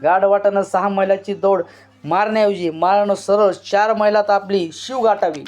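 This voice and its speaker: A man reading a novel aloud as an expressive storyteller, drawing out shouted cries. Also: high-pitched, moderate pace. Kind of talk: dramatic literary reading. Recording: dull lo-fi recording.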